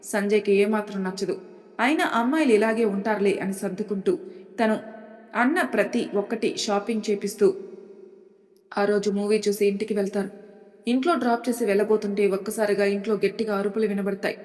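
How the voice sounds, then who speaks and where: A woman's voice: mid-range voice, steady tone, a little fast, a little mellow. Telugu-accented woman narrating a story. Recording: long hall reverb.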